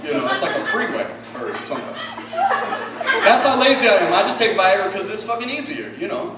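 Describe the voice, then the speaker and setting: A man's voice: high-pitched, very animated, a little fast. A man in his forties performing a stand-up comedy set, self-mocking and profane, acting out the people he quotes. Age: 40s. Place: comedy club stage with a laughing audience. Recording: echoey, distant room recording with loud crowd noise.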